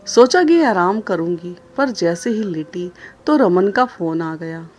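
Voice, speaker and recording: Calm woman storyteller. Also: fairly low pitch, unhurried. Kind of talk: scripted story narration.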